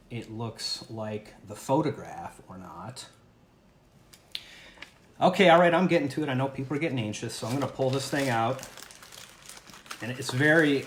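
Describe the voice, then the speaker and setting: Speaking at a medium pitch, a man runs a casual livestream from inside his home, chatting cheerfully while sampling food and often restarting what he's saying. A camera or phone mic records him in an echoey room with faint ambience and a bit of hiss or hum.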